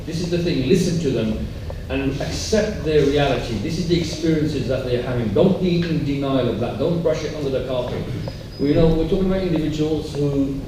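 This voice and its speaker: His voice sits on the high side, fast and with few pauses, as this man answers a panel question at a community talk, earnest and emphatic, driving his key points home again and again. A distant mic in the large, echoey event room catches faint noise.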